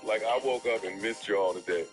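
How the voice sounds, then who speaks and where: A man's voice: fairly low pitch, fairly quick, music in the background. A man in casual group banter, talking in an effusive, heartfelt way and laughing often.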